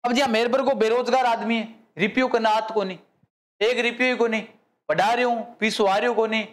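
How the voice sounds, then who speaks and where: A male teacher runs a live online quiz class, cheering students on by name and slipping into joking dialect. His voice sits high for a man. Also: fairly even intonation, fairly quick, a bit bright. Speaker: exam-prep teacher.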